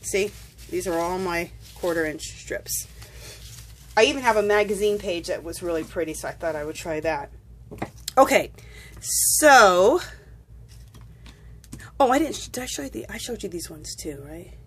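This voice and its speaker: At an indoor home craft table, a woman vlogger with a fairly low, expressive voice walks through a paper craft tutorial, pausing often and taking her time. She rambles, corrects herself, chats away and sniffles from a cold, with a little hiss or hum in the audio.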